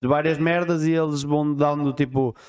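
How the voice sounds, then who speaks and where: A man's voice: fairly high pitch, steady tone, fairly quick, darkish tone, clean tone. Blunt, offhand Portuguese man chatting. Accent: European Portuguese. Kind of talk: casual chat.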